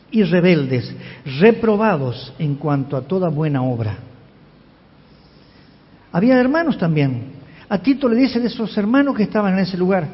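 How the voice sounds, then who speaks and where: A man, a pastor giving an expository sermon and emphatically asking the congregation questions. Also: high-pitched. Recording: reverberant hall, dull lo-fi sound.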